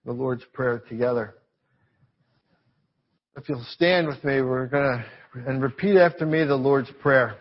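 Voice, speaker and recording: A man pastor preaching a sermon in a church, animated, repeating phrases and asking rhetorical questions. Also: medium pitch, a little slow, long pauses, highs cut off.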